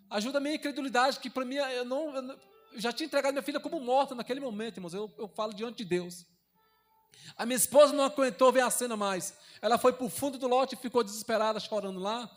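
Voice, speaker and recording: A young deacon preaches in a church with a strikingly high voice for a man. He repeats phrases fervently and moves between raised, urgent passages and soft, hushed ones. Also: fast, faint music behind. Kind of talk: sermon.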